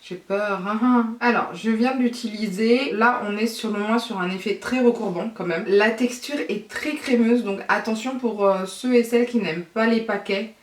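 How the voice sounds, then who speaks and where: A woman's voice: fairly high pitch, moderate pace, hardly any pauses. A woman vlogger talking through a makeup tutorial, chatty and thinking aloud with fillers and asides. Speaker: beauty vlogger. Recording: echoey room, mic at a distance.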